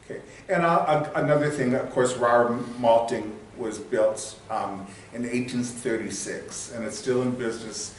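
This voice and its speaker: A man's voice: mid-range voice, a little slow, few pauses, slight background noise. A man giving a casual local history talk to a meeting, rambling and searching for words with many fillers. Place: meeting hall. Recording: echoey room from far off.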